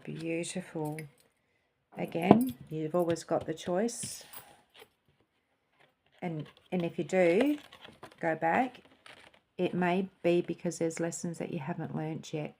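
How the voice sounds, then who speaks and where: This woman reads tarot and cups for spiritual guidance, musing softly and occasionally going quiet and calm. Her voice is low-pitched with vocal fry, and a little hiss or hum can be heard.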